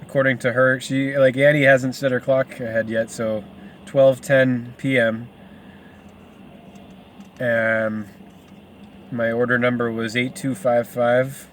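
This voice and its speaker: A man's voice: mid-range voice, level tone, takes it slowly, long pauses, a bit bright, slight background noise. A man casually reading a book aloud, rambling into asides and stumbling over hard names. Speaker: reader.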